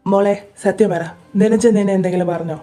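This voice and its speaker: A caring young man, an older brother figure, presses softly to learn what is wrong, as a woman voices him. His voice sits mid-range and sounds warm and mellow. He speaks in a gentle, coaxing way in a fan audio drama. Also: mid-range voice, fairly even intonation, quick pace, faint music behind, lightly acted. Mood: coaxing concern.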